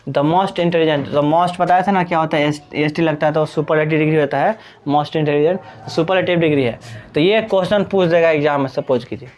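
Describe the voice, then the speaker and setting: A man teaching an English grammar lesson in Hindi. He is patient and repeats each point, checks in with students often, and dictates examples slowly word by word. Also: on the high side. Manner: addresses students fondly as "Babu".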